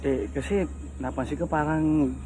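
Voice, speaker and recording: Male actor as a shy stammering suitor, slightly high voice, music under. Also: steady tone, moderate pace, natural voice, poor audio. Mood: sheepish. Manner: hesitant, stammering. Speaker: lead in a comedy film. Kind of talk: film comedy acting.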